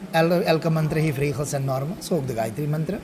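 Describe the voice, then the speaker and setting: A man's voice: fairly high pitch, a little fast, background noise. A man, a swami, leading a scripture study group, explaining and often checking in with his listeners, slipping Hindi and Sanskrit phrases into his talk.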